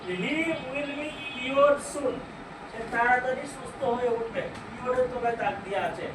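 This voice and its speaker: High-voiced Bengali teacher in an echoey room. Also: male voice. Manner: asks the class questions, then answers them himself; reads English sentences slowly and explains them. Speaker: English grammar teacher. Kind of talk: classroom grammar lesson. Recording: echoey room, far from mic, noisy.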